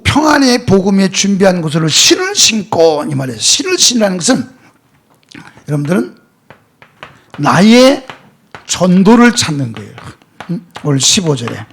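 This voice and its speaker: A man's voice: high-pitched, breathy edge. A male pastor preaching a sermon, emphatic and full of rhetorical questions, at times dropping to a near-whisper. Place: church sanctuary.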